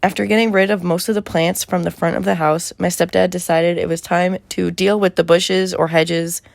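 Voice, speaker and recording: A woman's voice: on the low side, flat delivery, moderate pace, creaky, no room sound. A woman in her early twenties narrating a casual vlog voiceover in a conversational, wry way, close to the mic. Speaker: vlogger.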